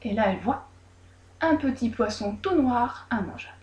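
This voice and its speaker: A woman casually retelling a folk tale with lively, irreverent, joking asides. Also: fairly high pitch, normal speed, highs cut off. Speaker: storyteller. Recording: roomy echo.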